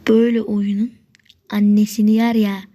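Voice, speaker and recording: Speaking at medium pitch and a moderate pace, a female gamer provides live commentary on her play. She's excitable and gets worked up, swearing heavily and addressing her opponents, occasionally sinking to a whisper.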